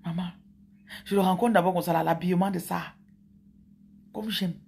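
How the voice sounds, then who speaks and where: A woman's voice: lowish voice, fairly even intonation, moderate pace, gravelly, dark tone, slight background noise. A woman, talking playfully and chattily to her viewers as a spiritual coach. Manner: playful, chatty, teasing asides. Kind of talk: casual monologue to viewers.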